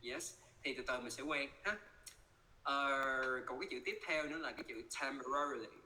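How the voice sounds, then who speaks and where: A man with a Vietnamese accent coaching English pronunciation, repeating words slowly and switching between Vietnamese and English. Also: mid-range voice, sharp tone, low-quality recording. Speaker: English teacher.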